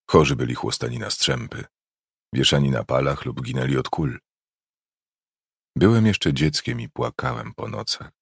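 A man reading a novel aloud in a somber first-person narration, measured and grave. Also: a bass voice, vocal fry, husky, no room sound, studio quality. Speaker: audiobook narrator.

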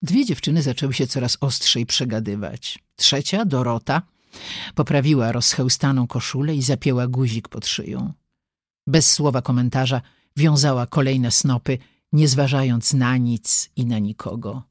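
An audiobook narrator telling the story in an expressive, dramatic way. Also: medium pitch, moderate pace, no room sound, studio quality. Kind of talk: scripted narration.

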